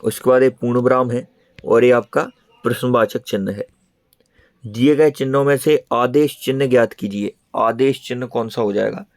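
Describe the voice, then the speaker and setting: A man's voice: medium pitch, normal speed, darkish tone, no echo. A man teaching an online exam prep lesson in speech, repeating each answer as he explains it.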